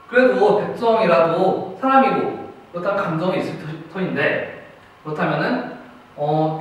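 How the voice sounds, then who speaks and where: A man teaching a class, asking students questions and praising their answers. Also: sits high. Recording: very echoey room, distant mic, faint noise.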